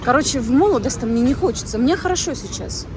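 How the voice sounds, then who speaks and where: This thirty-something woman talks fast in a high, lively voice while vlogging on a city street, rambling and musing with fillers and restarts. The audio is poor, with a crowd and street traffic audible in the background.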